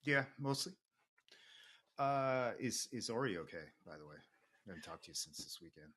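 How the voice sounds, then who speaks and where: A man's voice: on the low side, sing-song, normal speed, a bit bright. A man in his forties co-hosting a podcast, chatting casually in a laid-back, slangy, self-deprecating way. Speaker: podcast co-host. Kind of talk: casual chat.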